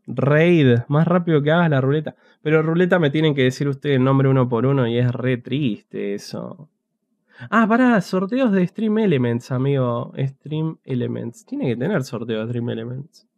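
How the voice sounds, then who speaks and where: A man's voice: fairly high pitch, dry recording. A man with a Rioplatense Spanish accent, commentating a game on a live stream in a chatty, joking way, talking to his chat. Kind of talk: casual livestream gameplay commentary.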